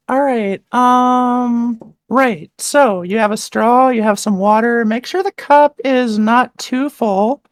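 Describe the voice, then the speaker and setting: A woman's voice: on the high side, extremely slow, long pauses, no room sound, studio quality. A woman voice coach explaining exercises patiently and step by step in a live-stream conversation, often filling with "like" and "um", on a desk microphone. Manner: patient, step-by-step, with frequent "like" and "um" fillers. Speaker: voice coach guest. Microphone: desktop mic with adjustable gain.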